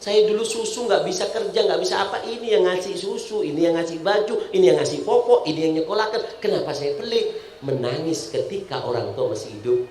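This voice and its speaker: A man's voice: sits high, animated, brisk, darkish tone. A man with a Madurese accent preaching a humorous sermon, speaking straight to his congregation and mixing jokes with teaching. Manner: addresses the audience directly, mixing jokes and teaching. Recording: echoey hall sound.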